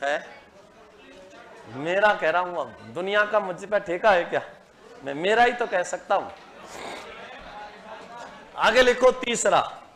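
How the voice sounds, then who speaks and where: Slow-dictating male teacher, high voice. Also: animated, fairly bright tone. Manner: dictates slowly, repeats phrases, quizzes the class. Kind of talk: classroom grammar dictation.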